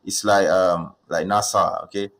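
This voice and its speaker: A man's voice: fairly low pitch, fairly quick. A man hosting a livestream Q&A, talking casually with many fillers and restarts. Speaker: livestream host.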